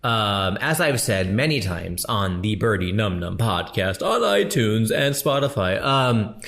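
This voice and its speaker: Male comedian host, thirties, relaxed slangy monologue, slightly low register. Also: unhurried, gravelly. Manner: chatty, slangy, addresses listener as bro. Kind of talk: casual podcast monologue answering a listener.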